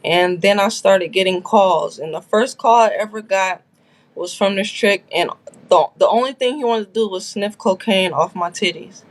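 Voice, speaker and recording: A woman's voice: mid-range voice, moderate pace. A woman telling her past story candidly in a casual interview, bluntly acting out quotes. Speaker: guest recounting her past.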